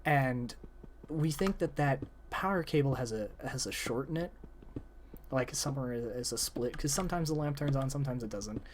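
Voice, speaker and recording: A young man rambles casually with a friend about story ideas while gaming, full of fillers, as his voice cracks and wears out. His pitch is medium, with lively intonation and a moderate pace, plus a little hiss or hum in the recording.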